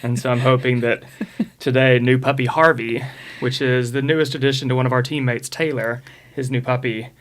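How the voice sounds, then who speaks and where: Man, podcast host, race director, easygoing, jokey, mid pitch, office chat. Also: level tone, moderate pace. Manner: easygoing, joking, self-correcting.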